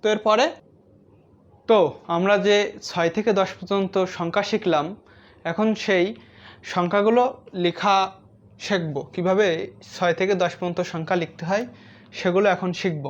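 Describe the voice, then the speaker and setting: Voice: medium pitch, fairly even intonation, moderate pace, pauses often. Patient teacher counting aloud, slightly dull sound. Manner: counts aloud item by item, addresses children directly. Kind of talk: step-by-step lesson for young children.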